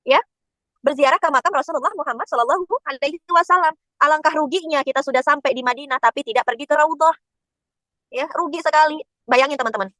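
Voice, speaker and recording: A woman religious teacher preaches over a webinar in a high, bright voice, racing through her words at great speed. She speaks emotionally, telling stories and turning to her listeners again and again. The close recording is dry, with no room sound. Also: fast, no room sound. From Indonesia. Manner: emotional, addresses listeners directly and often. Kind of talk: webinar sermon with storytelling.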